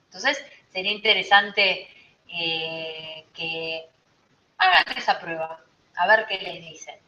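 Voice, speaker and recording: Speaking slowly, this Rioplatense astrology teacher has a lowish, sharp voice with lively intonation. Her lesson is a chatty, informal talk to a group, and she keeps checking whether everyone is following. The audio is roomy, echoey and slightly dull.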